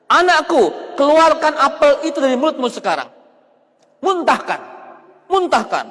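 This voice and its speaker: A man's voice: high voice, quick pace, close to an everyday voice. A man voicing a stern, pious caliph who speaks to his family in a solemn, commanding way. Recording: long hall reverb.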